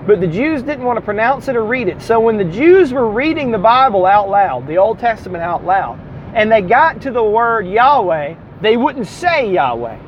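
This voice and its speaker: A man's voice: high-pitched, sing-song, normal speed, lo-fi sound, slight background noise. A man with a Southern US accent giving a classroom lecture on the Bible, explaining step by step, spelling out letters and correcting himself as he goes. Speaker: Bible teacher.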